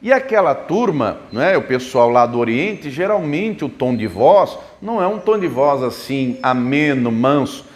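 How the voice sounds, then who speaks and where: A man's voice: mid-range voice, sing-song, normal speed, hardly any pauses. A man preaching a sermon as a pastor, explaining the Bible with rhetorical questions at a church service. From Brazil.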